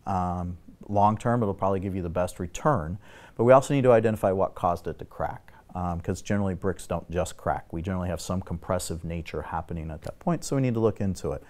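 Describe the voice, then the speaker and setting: A middle-aged man with a fairly low voice walks through building repair, point by point, in a steady, technical tone. He talks as a guest on a studio talk show set. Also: quick pace. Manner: steady, technical, instructive explaining. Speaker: exterior building expert guest. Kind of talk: explanatory talk show conversation.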